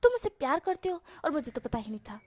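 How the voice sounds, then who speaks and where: Woman reading as a shrill, theatrical young man, quick to scold and mock. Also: sing-song, a little mellow. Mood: indignant. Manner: scolding, teasing, exaggerated complaints. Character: sassy dramatic young man, quick-tempered. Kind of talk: storybook voice acting.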